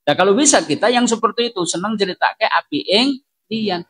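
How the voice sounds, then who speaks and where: A man leads a religious study group and answers the audience's questions. His voice sits a little high for a man. He talks in a relaxed, conversational way, slips in regional words and keeps tossing rhetorical questions back at his listeners. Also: normal speed, husky. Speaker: preacher.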